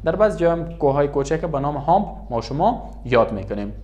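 A man with an Afghan Dari accent teaches an English lesson, saying each word slowly and more than once before he translates it. His voice sits a little high and swings widely in pitch. He teaches at a writing board. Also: sing-song, a little mellow, lo-fi sound. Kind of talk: bilingual classroom lesson.

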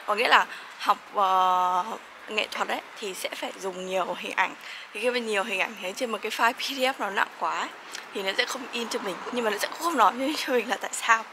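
A woman's voice: medium pitch, a little fast, few pauses, noisy background. Chatty young woman vlogging. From Vietnam. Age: young adult. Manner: chatty, many fillers, laughs often. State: sleepy. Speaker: vlogger, master's student. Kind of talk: casual vlog chat.

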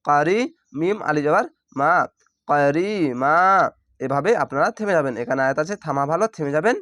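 A man teaching Quran reading, spelling out each syllable and then drawing the word out slowly. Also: on the high side, a bit bright, no room sound, clean studio sound. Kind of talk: step-by-step spelling lesson.

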